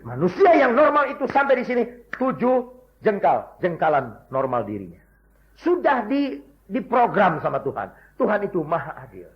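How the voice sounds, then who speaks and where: A man preaching a lively sermon full of humorous stories, jumping from loud shouts to hushed asides and acting out the people he quotes. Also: high voice, normal speed. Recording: dull lo-fi recording.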